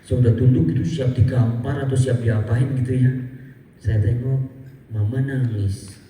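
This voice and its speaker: Animated priest in a booming hall. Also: male voice, normal speed, a little hiss or hum. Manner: animated, self-mocking, acts out quoted voices with high sing-song pitch. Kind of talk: storytelling sermon. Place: large echoey hall with audience. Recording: reverberant hall, voice far from mic.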